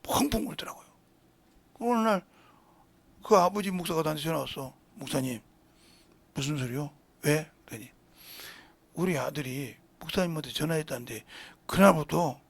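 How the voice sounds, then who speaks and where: A middle-aged man preaching a sermon as pastor, retelling conversations fervently and swinging between raised passages and hushed whispers. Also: a little high, moderate pace, pauses often, slightly rough, no echo. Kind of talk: sermon with retold dialogue. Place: church sanctuary.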